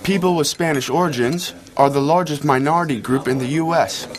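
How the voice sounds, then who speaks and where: An actor playing a friendly young man in a scripted dialogue for English learners, speaking clearly and carefully. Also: on the high side, close to an everyday voice. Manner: clear, slow, carefully spoken. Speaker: lesson dialogue character.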